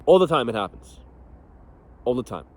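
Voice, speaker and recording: A young male fitness coach talking in a loose, profane, motivational way. He is blunt and laughs easily, and his voice sits at an ordinary middle pitch. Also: very animated, normal speed, darkish tone. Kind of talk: casual motivational talk.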